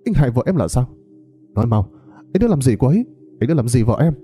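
A man voicing a worried, angry younger brother who fires sharp questions. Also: fairly low pitch, sing-song, fast, soft background music. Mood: demanding. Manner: pleading then demanding, sharp questions.

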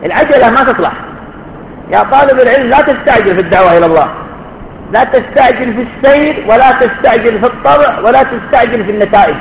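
A man's voice: very high voice, fast talker, slight background noise. A man teaching a religious lecture to students, emphatic and fond of rhetorical questions, sometimes calling on listeners to answer. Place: lecture hall at a study course. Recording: echoey, dull lo-fi hall recording.

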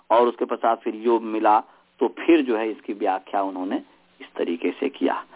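A man teaching a group over a call, telling a story in a slow, measured way while his voice breaks up and cuts out on the line. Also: medium pitch. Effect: voice breaking up and cutting out on the call line. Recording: tinny, dropping-out phone line.

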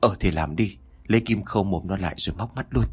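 A man's voice: low voice, a little mellow, breathy edge, voice pushed down. A man doing a cunning old mistress. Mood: commanding. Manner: hurried, commanding, evasive.

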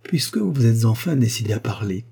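Male reader doing a genial old-style doctor, calm, mellow husky voice. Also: mid-range voice. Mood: measured. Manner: measured, good-humoured. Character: jovial learned male doctor.

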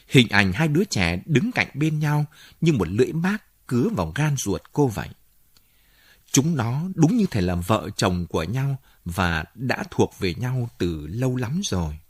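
A man narrating an audiobook story in an expressive reading voice. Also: mid-range voice, dry recording, clean studio sound.

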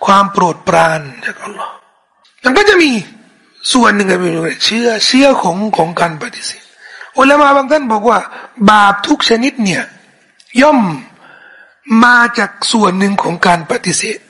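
A man's voice: sits high, bright, forceful tone, breathy edge. A man giving a Quran commentary lesson, quoting Arabic verses and patiently explaining them while answering questions. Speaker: Islamic teacher.

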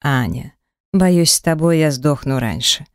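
A woman voicing a gruff, intense adult male shapeshifter lover in an audiobook, speaking low and breathily with a teasing edge. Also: lively intonation, a little slow, no echo, clean studio sound. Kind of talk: audiobook character reading.

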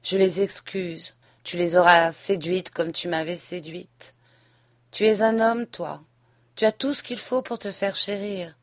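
A woman reading an audiobook and voicing a passionate young wife who pleads and then reproaches, a little higher and louder than her narration. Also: unhurried, no echo, clean studio sound, lightly acted. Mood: pleading. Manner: impassioned, rising to reproach. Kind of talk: audiobook reading of a classic novel.

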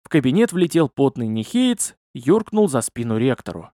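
A man narrating a first-person audiobook in an expressive, storytelling manner. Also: medium pitch, normal speed, no room sound, clean studio sound.

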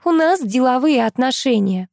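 A woman voicing an excited scheming young woman. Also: high voice, moderate pace, gravelly, no echo, studio quality, pitched above the performer's own voice. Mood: evasive. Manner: feverish, secretive.

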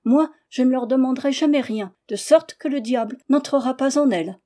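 A woman's voice: high-pitched, a little fast, dark tone, voice pushed up, close to an everyday voice. A woman voicing a naive sixteen-year-old peasant girl in a storybook reading, eager and earnest. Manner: eager, wide-eyed and earnest.

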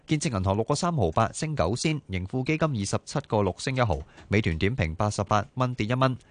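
Brisk Hong Kong radio newsreader, man. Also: on the low side, dry recording. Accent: Hong Kong Cantonese. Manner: brisk, formal, precise. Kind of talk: news bulletin read-out. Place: radio studio.

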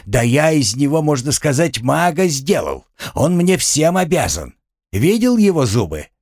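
Grumpy boastful little male sidekick, a man reading it, lively swings, dry booth. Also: fairly high pitch, unhurried, dry recording, voice pushed up, heavily acted. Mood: grumbling boastful. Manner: quarrelsome, bragging.

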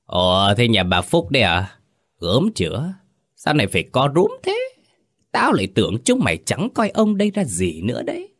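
A man voicing a cruel, greedy old village chief who sneers and shouts threats. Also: mid-range voice, very animated, normal speed. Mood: sneering.

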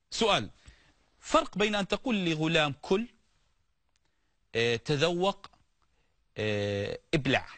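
Animated high-voiced male preacher. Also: no room sound. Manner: animated, explains word meanings with everyday examples and repeated calls to listen. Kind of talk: sermon on stories of the prophets.

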